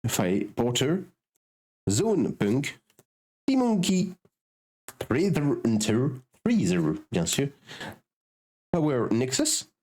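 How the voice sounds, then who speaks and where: A man's voice: mid-range voice, wildly swooping pitch, very slow, pauses often, a little mellow. A man hosting a pack-opening show, chatting casually with many fillers as he shows each card. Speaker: host.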